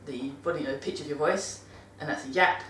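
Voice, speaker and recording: British woman, deep voice, chatty and self-correcting, distant mic, echoey room. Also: quick pace, background noise. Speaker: vlogger giving dog-care tips. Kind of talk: casual monthly vlog talk. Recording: roomy sound from a distant mic.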